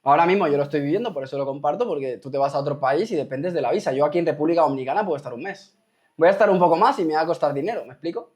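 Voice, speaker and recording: A man's voice: on the high side, rapid-fire, a little mellow. Man in a rhetorical spoken talk. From Spain. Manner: rhetorical, keeps asking "¿me explico?". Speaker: host. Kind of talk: casual spoken talk to viewers.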